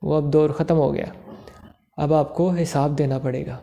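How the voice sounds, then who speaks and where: A man hosting his own channel, giving political commentary in a measured, steady delivery. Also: on the high side, gravelly. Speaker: YouTube channel host.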